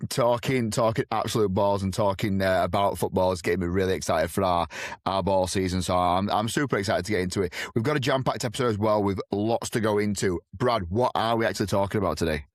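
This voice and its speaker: A man's voice: on the low side, steady tone, fast talker, no echo, clean studio sound. A young man co-hosting a casual sports podcast from a kitchen, upbeat and teasing. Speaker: podcast co-host.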